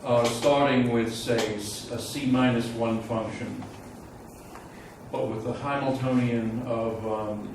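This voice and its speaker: This is a university physics lecturer speaking informally to a class that asks questions, recorded by a mic placed away from him in a lecture room. His medium-pitched voice stays fairly even as he halts, thinks aloud and frankly admits gaps in his knowledge. The audio has roomy echo and heavy room noise.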